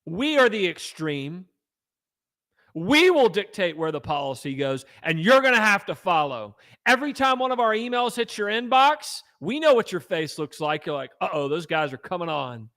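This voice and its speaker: Guy ranting on a livestream, high voice, swings way up and down, real combative. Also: very animated, moderate pace, a bit bright. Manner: combative, rallying, punchy. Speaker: gun rights advocacy host. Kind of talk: fiery livestream advocacy talk.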